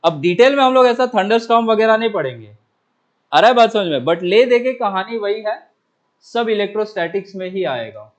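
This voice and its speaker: A physics teacher, a man with a high voice, lectures a classroom, putting questions to his students and answering them himself. He keeps checking whether they follow. The recording is dull and lo-fi. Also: animated, fairly quick. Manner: coaxing, repeatedly checks understanding.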